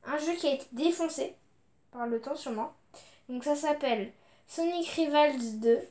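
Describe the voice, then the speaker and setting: A young woman presents her video game collection in a relaxed unboxing chat, her high voice darkish in tone and moving at a moderate pace. Hesitation runs throughout, with lots of fillers and restarted sentences.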